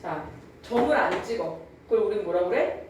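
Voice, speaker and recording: A young adult woman who teaches Korean gives a chatty classroom lecture, regularly checking in with her students. Her medium-pitched voice is expressive and moves at a normal speed, drawling out words when she demonstrates old pronunciation. The recording is distant, with heavy reverb and a noisy background.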